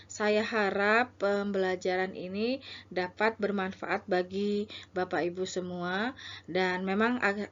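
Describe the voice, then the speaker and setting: A woman teacher giving a recorded slide lesson, explaining in a conversational way with fillers and reading example dialogues slowly and clearly. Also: medium pitch, highs cut off. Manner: reads English dialogues slowly and loudly, explains in Indonesian with fillers.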